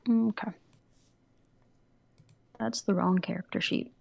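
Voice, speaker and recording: A woman player in a tabletop game speaks slowly with a gravelly creak in her voice, recorded close and dry. She sounds hesitant, working out her move aloud in casual talk. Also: medium pitch, steady tone, mellow, dry recording, lo-fi sound.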